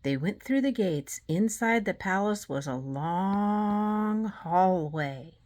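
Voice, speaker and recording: A woman reading a children's storybook aloud in a measured, deliberate way. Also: mid-range voice, expressive, a little mellow.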